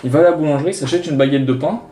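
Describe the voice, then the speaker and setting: Mellow young man, rambling, roomy sound. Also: a little high, very fast, slight background noise. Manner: rambling, repetitive, filler tags. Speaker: contestant in a joke-telling challenge. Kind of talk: casual deadpan joke telling. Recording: roomy echo, music behind. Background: music.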